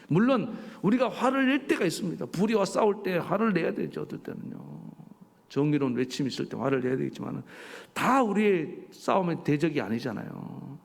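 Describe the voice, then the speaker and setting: Animated male pastor preaching in a hall. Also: a little high, creaky. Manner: animated, rhetorical questions to the congregation. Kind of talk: sermon. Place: church sanctuary. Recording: church hall reverb.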